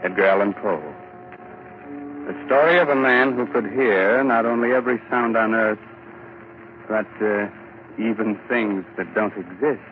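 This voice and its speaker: A man's voice: lowish voice, unhurried, long pauses, music in the background, natural voice. A man playing a macabre, mock-courteous horror host and narrator on old-time radio, sardonic and theatrical. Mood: ominous, storytelling. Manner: sardonic, ghoulishly teasing, theatrical. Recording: muffled, noisy vintage radio recording.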